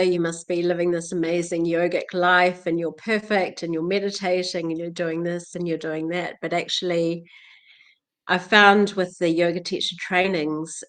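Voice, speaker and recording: Woman from new zealand, kinda low voice, thoughtful chatty guest, lots of ums. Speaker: guest, yoga teacher trainer. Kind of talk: casual interview talk.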